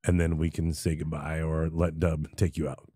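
Man, podcast host, deep voice, husky, joking, playful banter. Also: level tone, moderate pace, dark tone.

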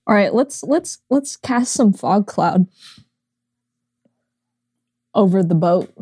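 Mellow-voiced woman playing a tabletop game. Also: mid-range voice, lively intonation, slow, husky, no room sound, studio quality. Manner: casual, describing her character's actions. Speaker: player.

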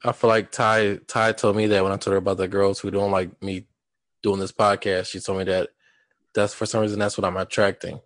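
A man's voice: deep voice, little pitch movement, fairly quick, no room sound. A man in his thirties co-hosting a podcast, speaking in a laid-back, hesitant way with many ums as he wraps up the show. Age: 30s. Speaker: podcast co-host. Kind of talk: casual chat.

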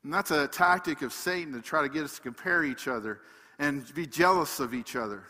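A man's voice: fairly high pitch, fairly quick. Emphatic male preacher in a reverberant hall. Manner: emphatic, swings between loud and hushed. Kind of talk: sermon.

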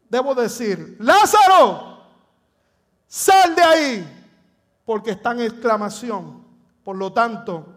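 A Puerto Rican man preaching a sermon to his congregation, telling the story dramatically and joking with the church. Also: sits high. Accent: Puerto Rican Spanish. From Puerto Rico. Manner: dramatic storytelling, acts out scripture and jokes with the congregation. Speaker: pastor. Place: church sanctuary.

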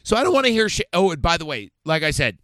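A man's voice: on the high side, sing-song, quick pace, a bit bright, no echo, clean studio sound. A man from California co-hosting a podcast, telling rambling, profane stories in casual banter. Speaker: podcast co-host.

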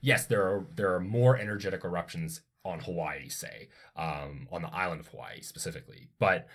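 Deep-voiced man explaining with eager digressions. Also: fairly quick, fairly bright tone. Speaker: podcast co-host explaining science. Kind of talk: casual educational chat.

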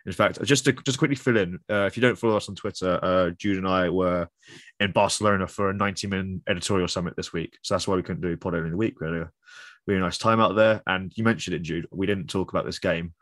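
A man co-hosting a football podcast, chatty and quick to laugh along. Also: low voice, a bit bright, no echo. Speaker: podcast co-host. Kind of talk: casual football chat.

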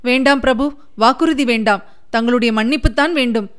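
Woman reader doing anxious young woman, earnest, pleading, smooth clear voice, storybook. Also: a little high, brisk, a bit bright, lightly acted.

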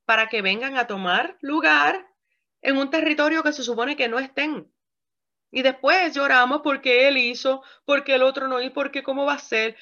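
A woman pastor preaching a sermon to women, asking her listeners questions as she goes. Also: high voice. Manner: lively preaching, asks the audience questions. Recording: dull lo-fi recording.

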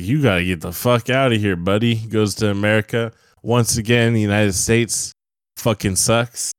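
A man's voice: deep voice, smooth, dry recording, studio quality. A young man co-hosting a podcast, chatting casually and profanely about movies in a rambling, laid-back way. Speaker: podcast co-host. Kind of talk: casual movie-review chat.

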